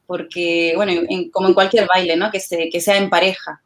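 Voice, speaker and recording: A woman from the Canary Islands with a Canarian Spanish accent, a tango teacher chatting as a guest in an interview, talkative and quick to laugh. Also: fairly low pitch, little pitch movement. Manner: chatty, laughs often, warm enthusiasm. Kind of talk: casual interview chat.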